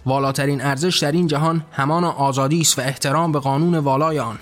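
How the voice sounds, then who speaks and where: A man's voice: on the high side, steady tone, soft background music, lightly acted. A man voicing a defiant mortal man who stands up to a god at judgment. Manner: bold, defiant.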